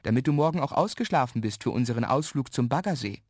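A man doing a soft, tender mother. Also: mid-range voice, animated, fast, no echo, studio quality, natural voice. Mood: whispered. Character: gentle caring mother. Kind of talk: children's radio story.

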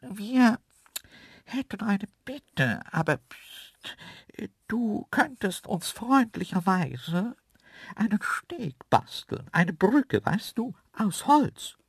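A storyteller voicing two cheeky, teasing invisible antelopes in a high, sly, whispery voice. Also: sing-song, very slow, gravelly, husky, no room sound, studio quality, heavily acted. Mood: whispering. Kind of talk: audiobook storytelling.

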